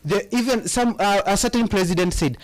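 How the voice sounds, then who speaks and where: A Kenyan co-host with a high-pitched voice speaks fairly quickly on poor audio during a relaxed live chat in English and Swahili. He reads out viewer comments impassionedly, hesitating and using fillers.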